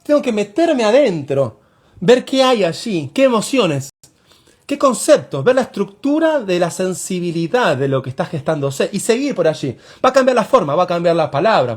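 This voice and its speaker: A man teaching poetry, walking his students through a poem step by step and often asking them to look closely at what he points out. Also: high-pitched. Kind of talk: explanatory lesson on a poem.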